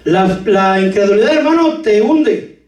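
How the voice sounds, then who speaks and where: High-voiced preaching man in an echoey hall. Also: unhurried. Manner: lively preaching with jokes and shouts, addresses the congregation as brother. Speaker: pastor. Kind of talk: sermon. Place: church hall. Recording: echoey church hall from far off.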